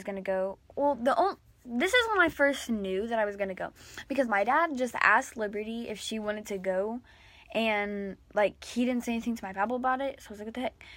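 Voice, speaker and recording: A young woman telling a personal story to camera, her voice a little high and her recording dry and close. She rambles in halting, restarting sentences full of fillers, now and then dropping to a hush. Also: no echo. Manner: drops to a hushed whisper at sad moments. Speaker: vlogger. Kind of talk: emotional story time.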